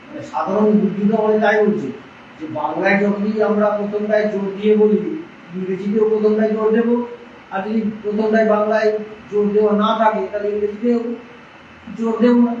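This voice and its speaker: Guy teaching english to a class, highish voice, far off mic, dull noisy room. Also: flat delivery, darkish tone, heavy reverb. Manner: quizzes students with repeated questions, slow dictation. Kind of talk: classroom lecture in Bengali.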